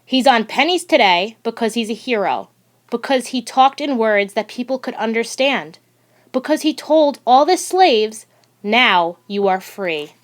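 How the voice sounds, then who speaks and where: Fairly high in pitch, this female audiobook reader narrates a children's picture book with a deliberate, expressive storytelling style.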